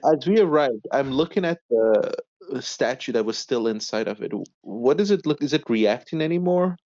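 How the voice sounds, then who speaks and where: A man's voice: mid-range voice, expressive, normal speed, a little mellow, no echo. A man playing a tabletop game, speaking earnestly in character. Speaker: player. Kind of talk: in-character role-play. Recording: dry, dull lo-fi mic.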